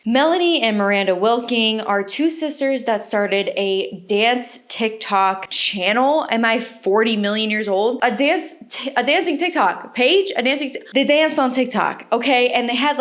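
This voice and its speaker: A woman's voice: on the high side, a little slow, few pauses. A woman hosting a casual reaction vlog, chatty and self-deprecating, with sassy, campy drag-queen-style slang, speaking close to the microphone. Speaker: YouTube host. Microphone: microphone held close to the mouth.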